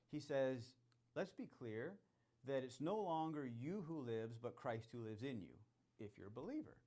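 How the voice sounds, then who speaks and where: A man's voice: mid-range voice, darkish tone. A man hosting a charity year-end celebration, giving an enthusiastic, conversational welcome and faith talk with repeated phrases.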